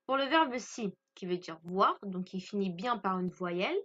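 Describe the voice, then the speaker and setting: A woman's voice: medium pitch, lively intonation, normal speed, fairly bright tone, dull audio. A woman from France teaching English grammar to French speakers, patiently stressing pronunciation and repeating each point.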